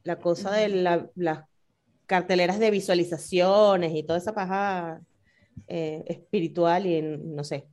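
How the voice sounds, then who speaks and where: A woman's voice: lowish voice, fairly even intonation, unhurried, darkish tone. A young woman co-hosting a casual podcast chat, telling stories in a loose, slangy way with frequent laughs. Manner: chatty storyteller, peppered with slang and laughs. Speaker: podcast co-host.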